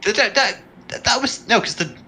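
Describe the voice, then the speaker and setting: A man from Canada commentating a sim race, chatty and quick with punning asides. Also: very high-pitched, lively intonation, bright, forceful tone, slight background noise.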